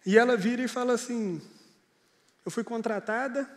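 A man's voice: very high-pitched, moderate pace, in a large hall. A male pastor preaching a sermon in an earnest, conversational storytelling manner.

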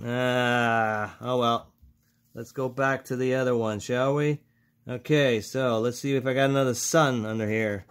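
Slow-talking man chatting over scratch tickets. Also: mid-range voice. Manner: chatty, excitable, talks to viewers as ladies and gentlemen. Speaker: lottery ticket vlogger. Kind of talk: casual scratch-off commentary. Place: indoors at a table, over a cutting mat.

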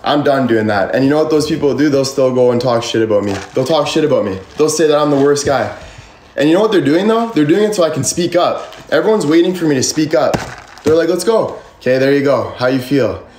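On a phone livestream in his bedroom, a man in his twenties rambles and vents, defensive, emphatic and swearing freely. His pitch is fairly high, his delivery fairly quick and his tone darkish. The room, with its ceiling fan, is echoey, the phone sits at arm's length, and there's slight background noise.

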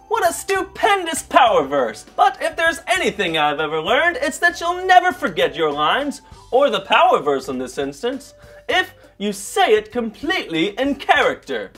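A woman's voice: sits high, husky, full character voice. A woman playing a self-important stage actor who presents a children's church lesson in a theatrical, pompous manner. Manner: theatrical, pompous, grand flourishes. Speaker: kids' church segment presenter.

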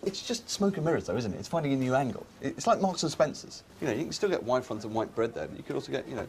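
A man's voice: mid-range voice, expressive, rapid-fire, a little hiss or hum, natural voice. An actor playing a dry, pedantic male political adviser who picks apart ideas.

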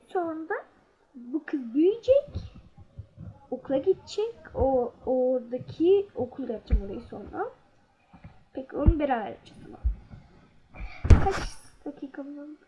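A young woman casually commenting on a game as she plays, often muttering to herself and telling herself to stay calm. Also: high voice, normal speed, pauses often. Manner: talks to herself while playing, muttering and calming herself. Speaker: gamer. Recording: dull lo-fi sound with noise behind.

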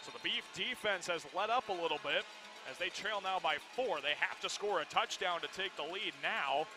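A man's voice: sits high, normal speed, music in the background. A man giving live football play-by-play as a radio sports commentator. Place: broadcast position in an indoor arena.

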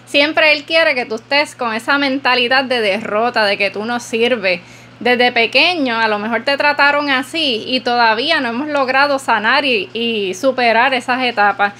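A woman's voice: a little high, normal speed, sharp tone. A woman podcast host giving an earnest, preacherly devotional talk, repeating phrases for emphasis.

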